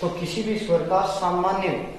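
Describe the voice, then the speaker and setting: Male teacher, high-pitched voice, patient explainer, distant mic in a reverberant room. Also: fairly even intonation, slight background noise. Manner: explanatory, repeats terms slowly for students. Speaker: Hindi grammar teacher. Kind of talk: classroom-style lecture. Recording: echoey room from far off.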